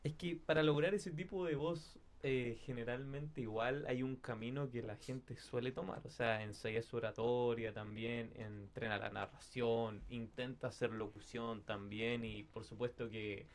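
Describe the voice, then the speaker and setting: A man's voice: medium pitch, steady tone, measured pace, few pauses. Man hosting a casual interview. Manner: reads out viewer questions, brief agreeing replies. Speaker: host.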